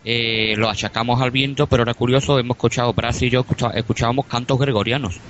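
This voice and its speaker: A man's voice: mid-range voice, fairly even intonation, fast talker, a bit bright, highs cut off, a little hiss or hum. A man, a paranormal investigator, talking casually on a radio show, with many hesitations, fillers and restarts.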